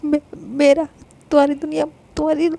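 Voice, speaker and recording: A hurt older sister who refuses and accuses, stumbling over repeated words, voiced by a woman telling the story. Her voice sits high with a gravelly fry. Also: flat delivery, warm tone. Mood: accusing. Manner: pleading, accusing, halting repeats. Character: tearful, defiant older sister about to be wed. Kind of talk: dramatized story reading.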